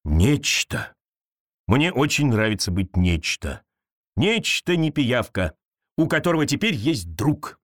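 A man voicing a naive, lonely swamp creature with big paws, talking slowly and with wonder. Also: big pitch swings, a bit bright, no echo, studio quality. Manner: slow, wondering, low-pitched.

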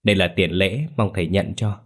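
Man doing a gruff old family elder. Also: low voice, fairly quick.

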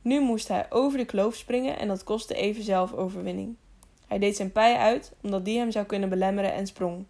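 Lady reading an audiobook, middle pitch, steady storytelling, trips on a word now and then. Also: fairly quick. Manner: even storytelling with small slips and restarts. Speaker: audiobook narrator. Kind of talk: scripted narration.

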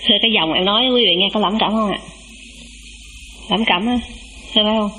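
Woman, nun preaching; bright tone, humble and questioning, faint background hiss. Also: medium pitch, fairly quick, rough recording. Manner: humble, calls herself "em", asks the listeners questions. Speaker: Buddhist nun giving a dharma talk. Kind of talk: dharma talk to a monastic assembly.

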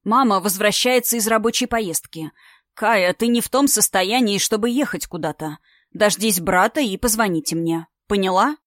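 Stern commanding father as a woman reads him, curt clipped orders, middle pitch, dry sound. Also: normal speed, a bit bright, no room sound, close to an everyday voice.

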